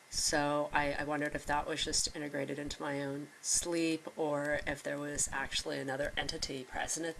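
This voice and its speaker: A congested woman with a raspy voice recounts her experiences in a hesitant monologue full of pauses and fillers. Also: deep voice, fairly bright tone, a little hiss or hum. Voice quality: raspier than usual. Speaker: vlogger recounting personal experiences. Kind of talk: halting personal monologue.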